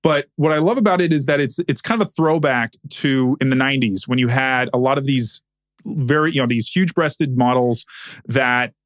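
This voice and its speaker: A man's voice: mid-range voice, moderate pace, no echo, studio quality. A man hosting a podcast interview, rambling with many stammered restarts and laughs. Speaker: podcast host. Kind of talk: casual interview chat.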